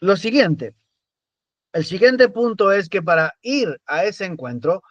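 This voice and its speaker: A man's voice: high-pitched, big pitch swings, a little slow, no room sound, highs cut off. A man preaching a sermon, conversational and emphatic, often asking rhetorical questions.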